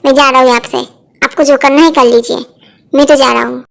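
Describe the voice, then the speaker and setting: A woman's voice: high-pitched, steady tone, fairly quick, creaky, voice pushed down. A woman voicing a stubborn, impatient young grandson who talks in an irritated tone. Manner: pleading then irritated, stubborn.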